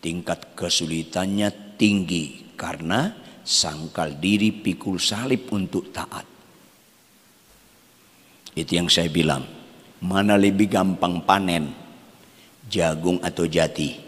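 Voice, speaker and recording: A man's voice: low-pitched, takes it slowly, pauses often, a bit bright, husky. Fiery male pastor preaching, echoey hall. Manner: emphatic, fiery, rhetorical questions to the congregation. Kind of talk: sermon.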